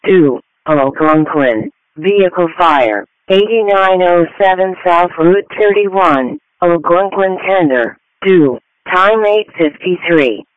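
A man giving formulaic fire dispatch announcements in measured short segments over narrow radio audio. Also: high voice, dry recording.

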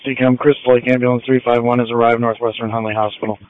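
A man's voice: mid-range voice, flat delivery, quick pace, no echo, phone-quality sound. A man from a fire and ambulance crew giving procedural reports over a two-way radio.

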